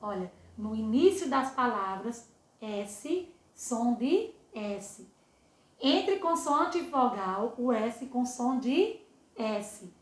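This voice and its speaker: A woman teaching a remote lesson to young children, slow and repetitive, often checking they follow, and affectionate with her pupils. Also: fairly high pitch, lively intonation, reverberant. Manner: slow, drawn-out, repeats words and asks "tá vendo?". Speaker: primary school teacher.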